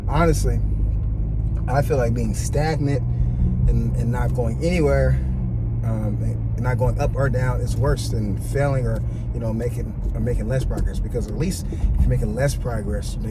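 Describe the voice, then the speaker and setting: Low-voiced man over loud car noise. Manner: rambling, profane, repeats himself. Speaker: fitness vlogger. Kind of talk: casual motivational monologue. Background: car and traffic noise.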